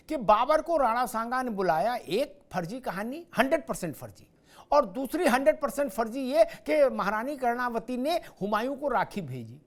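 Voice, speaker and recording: A man anchoring a televised news debate, asking pointed, sarcastic questions of his panel. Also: very high-pitched. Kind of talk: TV debate moderating.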